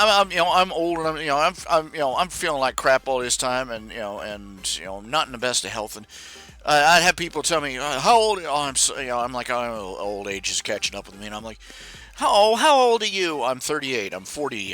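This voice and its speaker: A man in his forties chats casually on a live stream, rambling and grumbling about himself as he tinkers with software. His voice is mid-range and the recording is dry.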